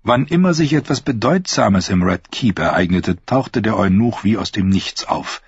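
A man reads an audiobook in scripted, measured narration. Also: lowish voice, animated, gravelly, slightly rough, no echo. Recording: dull dry lo-fi recording.

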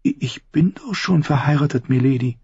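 A man voicing a timid, frightened young noble girl who speaks softly and stammers. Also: medium pitch, moderate pace, slightly rough, no room sound, highs cut off, pitched above the performer's own voice. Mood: hesitant. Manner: hesitant, stammering, soft.

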